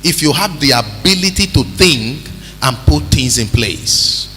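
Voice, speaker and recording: A Nigerian man preaching a sermon as pastor, calling out to the congregation and building to shouts. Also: fairly high pitch, expressive, measured pace. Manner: preaching with call-and-response, rising to shouts. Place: church hall. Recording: reverberant church hall with music.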